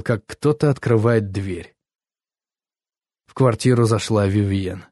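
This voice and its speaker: A man reads a first-person story aloud in a brooding, bitter voice. His tone is dark and mellow, and the recording is close and dry. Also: medium pitch, no room sound. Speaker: narrator. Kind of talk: first-person audiobook narration.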